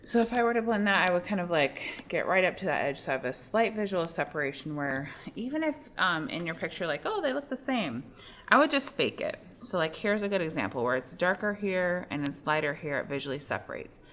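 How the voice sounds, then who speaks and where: A woman's voice: lowish voice, expressive, a little fast, hardly any pauses, a bit bright. A young adult woman giving a casual drawing demonstration, explaining each step as she works, with many fillers. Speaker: art teacher. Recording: muffled lo-fi audio, faint room noise.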